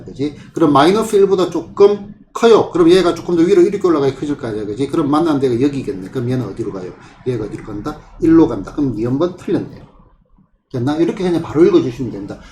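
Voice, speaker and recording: Male math tutor, questioning classroom delivery, a touch high, echoey room. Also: a little mellow. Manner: questioning, with frequent rhetorical check-ins. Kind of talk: classroom problem walkthrough. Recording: echoey room with faint ambient noise.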